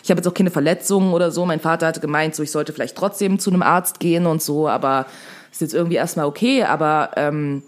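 A woman's voice: deep voice, steady tone, quick pace. A young woman telling a story to camera in casual, chatty speech full of fillers, still shaken.

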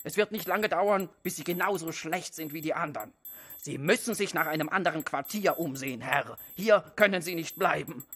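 A man voicing a hostile, suspicious landlord who talks bluntly in a gravelly voice. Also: fairly high pitch, fairly quick, bright, forceful tone, full character voice. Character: gruff older male landlord, hostile and suspicious.

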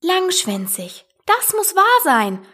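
A woman's voice: sits high, sing-song, normal speed, fairly bright tone, voice pushed up. Woman doing an eager, curious young girl. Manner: eager, earnest.

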